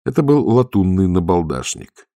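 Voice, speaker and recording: A man narrating an audiobook in a measured storytelling manner. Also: low-pitched, sing-song, mellow, dry recording, clean studio sound. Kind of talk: scripted narration.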